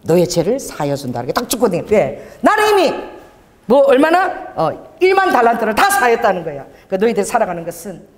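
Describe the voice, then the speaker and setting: Animated older woman preaching in a hall. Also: fairly high pitch, a little fast. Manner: call-and-response preaching, animated. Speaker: pastor. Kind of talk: sermon. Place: church sanctuary. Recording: church hall reverb.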